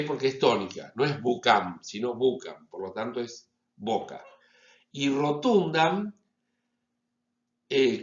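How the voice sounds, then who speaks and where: A man giving a lecture as a teacher, deliberately stressing each example word. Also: medium pitch. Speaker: Latin teacher. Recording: roomy, slightly dull recording.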